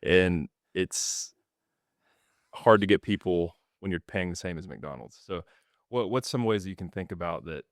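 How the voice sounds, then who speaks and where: A man hosting a casual interview, relaxed, asking open questions and laughing easily. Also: deep voice, moderate pace, no echo, studio quality.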